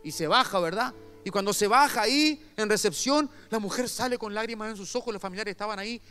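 Guy preaching at church, bright punchy voice, goes quiet then loud, music faint behind. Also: high voice, fast talker, clear, resonant tone. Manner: animated storyteller, swings between hushed asides and loud outbursts. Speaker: pastor. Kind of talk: sermon. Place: church service.

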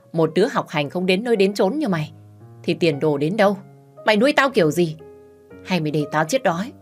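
A bitter middle-aged mother, put on by a woman storyteller, scolding her daughter in a loud, high, strained voice that breaks into wailing. Soft music plays faintly underneath the storybook reading. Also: natural voice. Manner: shouting, scolding, lamenting.

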